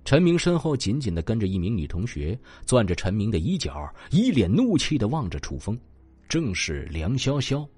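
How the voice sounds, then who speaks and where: A man narrating a web novel in an expressive storytelling manner. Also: on the low side, moderate pace, husky, dry recording, faint music behind. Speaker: audiobook narrator.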